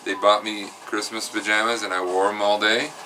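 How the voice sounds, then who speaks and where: Low-voiced man, distant and noisy. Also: level tone, normal speed. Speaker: guest artist. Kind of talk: casual podcast chat. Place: room with several people talking. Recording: distant mic with background noise.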